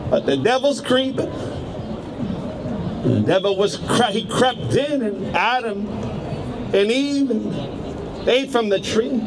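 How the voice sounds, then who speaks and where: A man preaching in the open air of a busy street, his voice pitched high as he presses listeners again and again to turn and pray. Traffic and city noise fill the space around him. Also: lively intonation, slow, long pauses, a crowd in the background. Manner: urgent, repetitive exhortation with hallelujahs.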